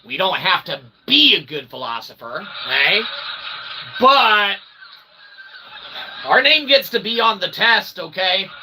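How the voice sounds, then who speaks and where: This independent author and developer runs his own channel, where he rambles philosophically in verbose, archaic, mock-formal language and keeps asking "okay?". He has a high-pitched, sing-song voice and speaks slowly with long pauses, against a noisy background.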